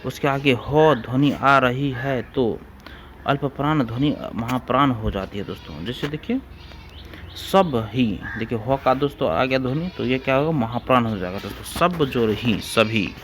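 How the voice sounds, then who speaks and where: A man's voice: medium pitch, normal speed, fairly bright tone, slight background noise. A man teaching an exam-prep grammar lesson, repeating rules and examples and calling his listeners friends.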